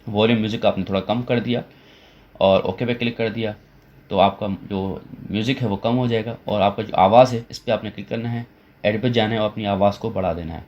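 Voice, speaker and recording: A man walks through a software tutorial one step at a time, restarting his sentences now and then as he works at the computer. His voice sits fairly low, and the recording has a dull, lo-fi sound with muffled highs. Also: fairly even intonation. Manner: step-by-step explaining with frequent fillers and restarts.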